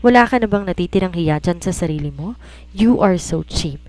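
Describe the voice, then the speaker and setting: A woman's voice: lowish voice, animated, normal speed, close to an everyday voice. A woman voicing an angry, drunk young man who coldly pushes a woman away in an audio romance story. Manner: cold, cutting, shouting.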